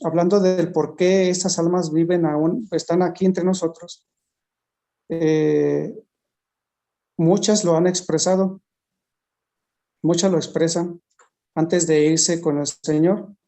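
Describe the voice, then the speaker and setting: Slow, dark-voiced speaker recounting experiences. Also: medium pitch, fairly even intonation. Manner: unhurried, halting, retells dialogues. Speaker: interviewee. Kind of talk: slow storytelling testimony.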